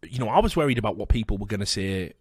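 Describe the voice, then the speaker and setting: Sweary, low-voiced British-slang storyteller, a man. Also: rapid-fire, slightly rough, no echo, clean studio sound. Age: 30s. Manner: sweary, blokey, animated storytelling with acted-out quotes. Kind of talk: casual chat, telling bar-fight anecdotes.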